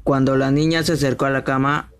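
A man reading a fairy tale aloud as a storyteller, steady and measured. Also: mid-range voice, slight background noise.

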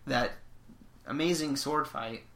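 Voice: medium pitch, slow pace, fairly bright tone. A podcast co-host talking eagerly about movies in casual chat, rambling with many restarts and self-corrections.

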